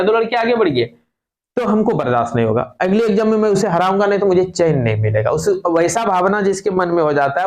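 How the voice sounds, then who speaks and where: A man with a high-pitched voice teaches a class, reading English lines and explaining them at length. He keeps asking the students questions and repeats their replies back to them. The room rings with echo. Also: darkish tone.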